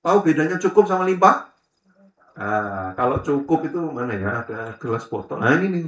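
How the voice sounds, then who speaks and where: Lively preacher with a bright voice. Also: male voice, mid-range voice, brisk. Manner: lively, chatty, keeps addressing the congregation. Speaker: pastor. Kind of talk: sermon. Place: church hall. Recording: echoey church hall.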